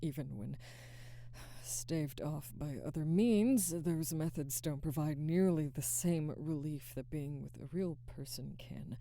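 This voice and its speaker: Her low, dark voice carries a husky, breathy quality as she hesitates, sighs and frequently drops to a whisper, portraying a conflicted, protective, barely restrained adult alpha werewolf in an intimate ASMR roleplay. The feeling is awkward and reluctant, and there is no echo.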